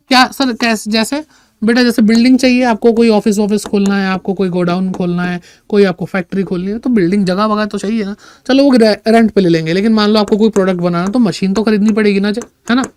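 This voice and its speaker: A man teaching an energetic class. He asks his students questions, answers them himself, and calls them "beta". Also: very high-pitched, dry recording, clean studio sound. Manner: chatty, mixes in English terms.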